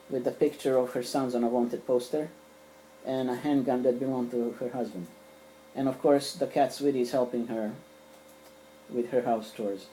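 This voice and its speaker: Hiss or hum and poor audio accompany a middle-aged man whose native language is Serbian as he casually presents his comics in a small room at home. His voice is mid-range and dark, and his talk rambles with fillers and restarts.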